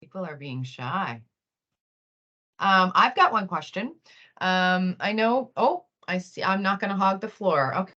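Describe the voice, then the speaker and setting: A woman's voice: mid-range voice, expressive, unhurried, pushed and bright. A woman informally hosting an online class session over a video call, with hesitant phrasing. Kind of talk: informal moderating. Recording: muffled video call audio.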